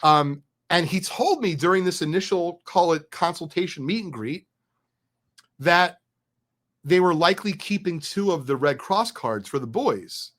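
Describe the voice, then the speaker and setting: A middle-aged man telling a story in an excited, chatty, candid way as a guest. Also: a little high, a little slow. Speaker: card collecting business guest. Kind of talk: animated storytelling.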